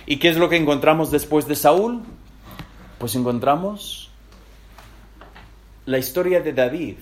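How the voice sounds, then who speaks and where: A man with a Spain Spanish accent preaching a sermon as a lively storyteller, swinging between loud and hushed. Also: a little high, a little slow.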